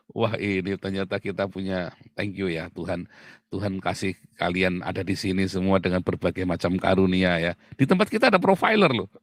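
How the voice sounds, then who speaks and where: A man preaching a sermon in a chatty, lively way, laughing often and calling listeners "saudara". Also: low-pitched, dry recording, studio quality.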